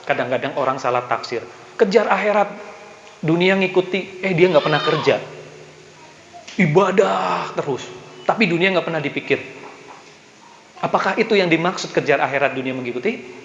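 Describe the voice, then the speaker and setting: Male motivational preacher, fairly high voice, dull echoey hall recording. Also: normal speed, long pauses, a bit bright, slight background noise. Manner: rousing, asks the audience questions, acts out prayers. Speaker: business motivation speaker. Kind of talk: motivational religious talk to a congregation. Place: mosque hall.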